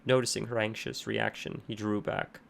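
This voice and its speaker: A man narrating a horror story in a steady, measured way. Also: lowish voice, creaky, a little hiss or hum.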